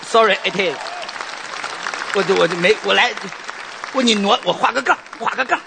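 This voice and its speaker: A man's voice: sits high, normal speed, gravelly, a crowd in the background. A man from Shaanxi doing live crosstalk comedy, cheeky, teasing and stubborn with his partner. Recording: live theater, audience noise.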